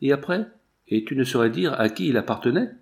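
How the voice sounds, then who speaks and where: A man reading aloud, voicing a grief-stricken elderly general who laments in a lower, shaken voice. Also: animated, a little fast, vocal fry. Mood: anguished.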